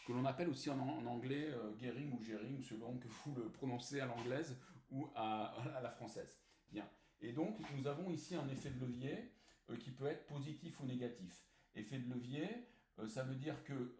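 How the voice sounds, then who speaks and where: A man's voice: medium pitch, darkish tone. Methodical man teaching finance. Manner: methodical, frequent hesitant fillers. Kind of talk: recorded whiteboard lesson. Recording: echoey room, faint noise.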